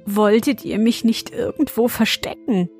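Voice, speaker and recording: A woman's voice: a little high, measured pace, a little mellow, soft background music. A woman voicing a tired young male traveler who pleads for shelter. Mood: pleading.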